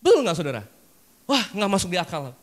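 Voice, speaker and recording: A man's voice: sits high, big pitch swings, a little fast. A male pastor preaching a sermon and telling a personal story with humor, often addressing the congregation directly. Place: church service.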